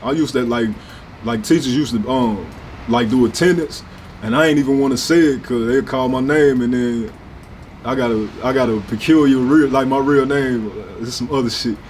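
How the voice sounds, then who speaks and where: Brash young St. rapper talking. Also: male voice, medium pitch, normal speed, darkish tone, slight background noise. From St. Louis, USA. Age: 20s. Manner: brash, profane, slangy. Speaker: rapper, interview guest. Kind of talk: casual sit-down interview talk.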